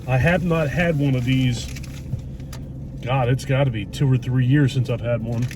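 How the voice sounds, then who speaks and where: A man's voice: mid-range voice, fairly even intonation, moderate pace. A middle-aged man chatting casually and bluntly as a food vlog host, rambling and cursing a little. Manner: blunt, mildly profane, rambling. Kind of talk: casual chat. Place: inside a parked car in a driveway. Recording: noisy car interior with road hum.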